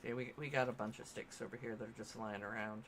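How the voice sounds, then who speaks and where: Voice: medium pitch, steady tone, quick pace, fairly bright tone, slight background noise. A game streamer giving casual gameplay commentary, chatty and thinking aloud while building.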